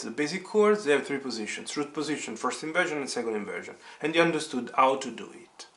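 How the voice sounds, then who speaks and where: A man's fairly bright, somewhat high voice leads a casual piano lesson at the keyboard. He takes a didactic approach, going one step at a time and repeating points, while the piano sounds behind him.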